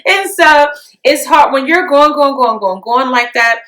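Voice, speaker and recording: A middle-aged woman chats casually about faith and rest. Her voice is bright and forceful, and she is expressive and quick to laugh, jumping up in pitch when she gets excited. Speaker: podcast co-host.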